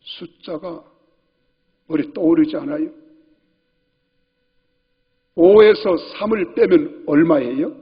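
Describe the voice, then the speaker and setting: A man's voice: fairly high pitch, slow pace, long pauses, breathy edge. A male senior pastor preaching a sermon in a church sanctuary, putting repeated questions to the congregation, in a reverberant hall with dull sound.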